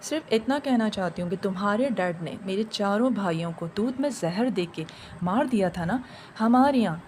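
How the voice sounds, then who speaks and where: A woman's voice: mid-range voice, darkish tone, a little hiss or hum, lightly acted. A woman voicing a vengeful young female jinn bride, speaking in a taunting, menacing way.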